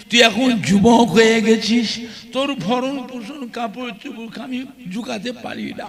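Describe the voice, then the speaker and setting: A man's voice: extremely high pitch, fairly bright tone, in a large hall, full character voice. A male preacher voicing a poor widowed mother who pleads tearfully and soothes her son.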